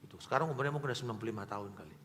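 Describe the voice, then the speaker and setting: A man preaching a sermon as a pastor, telling stories with shifts between loud emphasis and hushed asides. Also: medium pitch, animated, very fast, in a large hall, a little hiss or hum. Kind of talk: sermon storytelling.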